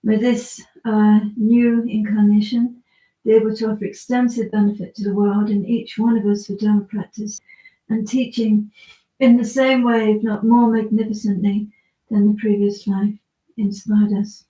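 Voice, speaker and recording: Woman, cave echo, mellow voice, flat steady recitation, far from the mic. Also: mid-range voice, normal speed. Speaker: prayer practice leader. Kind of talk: leading prayers and reciting a liturgy. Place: inside a cave.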